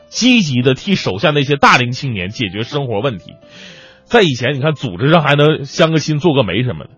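A man doing a stand-up comedy monologue as a radio host, telling jokes with animated storytelling. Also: on the high side, husky, dull audio. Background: audience laughter.

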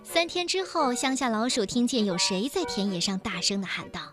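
Expressive woman reading a children's story. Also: fairly high pitch, fairly quick, over music.

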